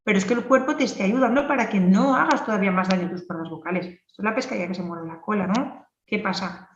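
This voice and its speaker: A woman speech therapist giving a clinical lecture in a lively, explanatory way, often checking in with tag questions. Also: mid-range voice, quick pace, roomy sound, recorded from a distance, dull audio, a little hiss or hum.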